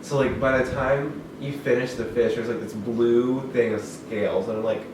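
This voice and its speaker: A man's voice: medium pitch, fairly even intonation, moderate pace. A young man chatting casually as a co-host, telling rambling stories full of fillers and laughs. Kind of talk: casual chat. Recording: echoey room, far from the mic, noisy.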